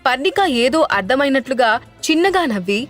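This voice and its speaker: A woman narrating an audio drama series in a steady storytelling voice. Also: sits high, brisk. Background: faint background music.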